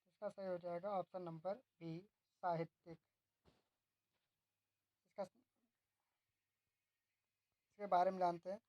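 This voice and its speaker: A woman's voice: lowish voice, fairly even intonation, slow, pauses often, no echo, lo-fi sound. A woman tutor reads exam questions and their options aloud, then gives the answer and explains why. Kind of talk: reading quiz questions and answers.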